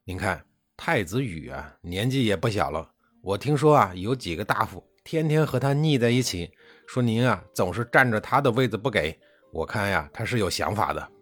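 A man's voice: lowish voice, animated, moderate pace, breathy edge, no room sound. A male storyteller voicing a scheming, ambitious nobleman who wheedles and then hisses threats. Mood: wheedling.

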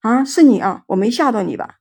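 A woman voicing a jovial, lecherous man in his forties who is quick to shout, in a told ghost story. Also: a little high, lively intonation, husky. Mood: brash. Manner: brash, cheerful, quick to shout.

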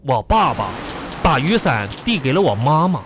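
A man's voice: on the high side, big pitch swings, normal speed, background noise. A man playing a boastful older male classmate in a live radio comedy sketch, rambling and stammering as he bluffs. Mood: bluffing. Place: radio studio. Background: music.

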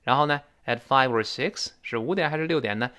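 A man teaching a spoken English lesson, chatty and joking, who drills phrases slowly and repeats them. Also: medium pitch, pushed and bright. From China.

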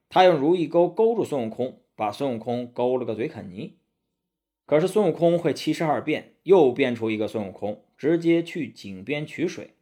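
A man narrating a storybook tale in an animated, dramatic way. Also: mid-range voice, breathy edge.

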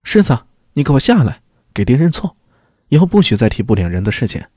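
A man voicing a proud, furious middle-aged father who blusters and makes gruff threats in a lowered voice. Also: big pitch swings, fast, dark tone, no echo, studio quality.

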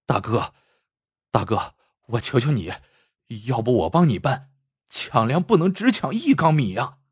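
A man's voice: mid-range voice, big pitch swings, a little slow, slightly rough, dry recording, clean studio sound, full character voice. A man voicing a timid but oddly stubborn poor villager in a spoken story, pleading in a whining tone.

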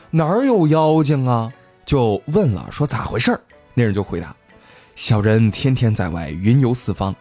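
A man hosting a podcast, telling a ghost story in a casual, joking way with his co-hosts. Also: mid-range voice. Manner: lively, playful, joking with co-hosts.

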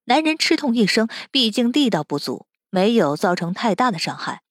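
A woman narrating a web novel audiobook in an expressive, dramatic reading. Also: on the high side, moderate pace, dry recording, studio quality.

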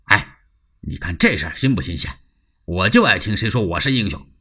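A male storyteller voicing a brash, boisterous younger brother general who speaks loudly and bluntly. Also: lowish voice, big pitch swings, brisk, breathy edge, heavily acted. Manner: loud, blunt, laughing.

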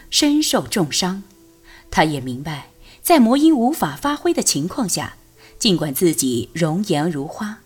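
Breathy woman narrating a martial arts novel. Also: lowish voice. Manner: expressive storytelling. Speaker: audiobook narrator.

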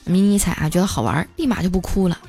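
A woman telling comic stories as a podcast host, lively and chuckling often. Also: fairly low pitch, fast talker, vocal fry. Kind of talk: comic storytelling. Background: background music.

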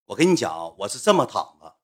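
A man with a Northeastern Mandarin accent telling a story in casual chat, animated and acting out the voices of the people in it. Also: fairly low pitch, quick pace, slightly rough. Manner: animated, acts out quoted voices.

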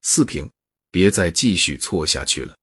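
A man voicing a clever, calm young man who probes and teases in an easygoing way. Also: low voice, normal speed, breathy edge, no room sound, studio quality.

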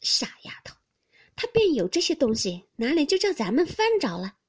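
A woman's voice: high-pitched, very animated, normal speed, pitched above the performer's own voice. A woman voicing a shrewd, jealous noblewoman who mocks with cold insinuation. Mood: sly.

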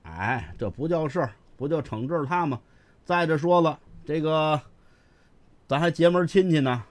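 A man's voice: fairly high pitch, lively intonation, normal speed, no echo, lightly acted. A male storyteller voicing a joking, easygoing prince who gives orders breezily. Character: jovial, easygoing old Beijing prince.

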